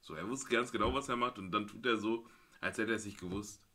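A man hosting a casual chat, interjecting loudly in slang. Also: fairly low pitch, quick pace. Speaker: host.

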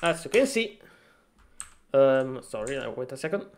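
This gaming tutorial maker is Italian and speaks English with an accent from home, narrating a casual screen recording of a game. His mid-range voice has a sing-song quality at a normal speed. He often stops, restarts, and leans on fillers, and he's self-deprecating throughout.

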